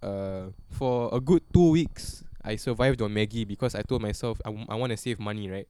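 A man's voice: fairly low pitch, a little fast, dark tone, clean tone. A young man with a Singaporean accent telling stories casually as a podcast co-host in colloquial, slangy Singlish. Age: young adult. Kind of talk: casual chat, storytelling.

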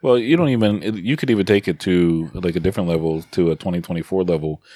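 A man with a very deep voice talks casually as a podcast co-host, recorded close and dry at home. He's blunt and sarcastic, often breaking into laughter. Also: fast, warm tone, no room sound. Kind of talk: casual chat. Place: bedroom at home.

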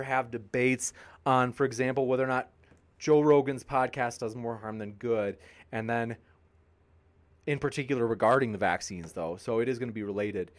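A man hosting a debate channel's live stream, reading viewer comments aloud and joking with the chat in an upbeat way. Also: medium pitch. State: tiring, pausing to drink.

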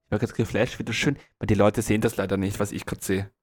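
A man's voice: on the low side, steady tone, fast. A young man co-hosting a casual comedy podcast, teasing and mock-serious. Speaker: podcast co-host.

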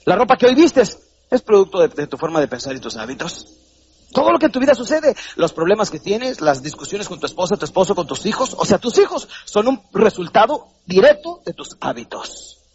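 He's a Mexican motivational speaker, talking fairly quickly in a high-pitched voice during a live seminar in a hall. Theatrical and animated, he voices little characters and puts questions to the audience. The highs are cut off and there's slight background noise.

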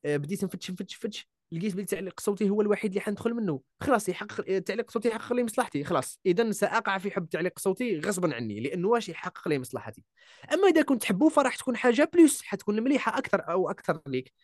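Voice-over artist guest, Algerian man, rapid emphatic chat, a touch high. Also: expressive, dry recording, studio quality. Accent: Algerian Arabic. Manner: emphatic, repeats key words, mixes in French and English. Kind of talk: casual interview chat.

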